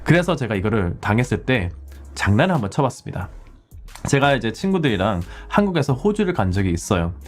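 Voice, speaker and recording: A Korean-born man in his forties gives a casual English conversation lesson, acting out heated street exchanges as role-play examples. His voice is on the low side, swings widely in pitch, and moves fast, with faint music in the background.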